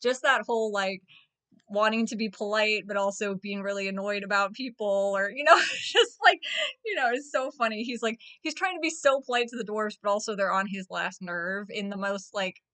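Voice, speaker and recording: A woman's voice: mid-range voice, normal speed, a bit bright, clear, resonant tone. A woman in her thirties chatting casually about her books as a vlogger, gushing and full of fillers. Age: 30s. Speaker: book vlogger. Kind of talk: casual book chat.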